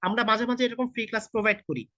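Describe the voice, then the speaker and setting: A man's voice: high-pitched, steady tone, racing, sharp tone, no room sound, highs cut off. A man in his thirties with a Bangladeshi Bengali accent teaches an online IELTS class. He talks casually, mixes in English and puts questions straight to his students. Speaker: IELTS tutor. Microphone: video call.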